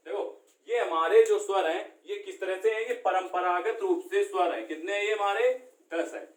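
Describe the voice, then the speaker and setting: A man teaching a classroom lesson, asking questions and answering them himself. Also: high-pitched. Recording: echoey room, far from the mic.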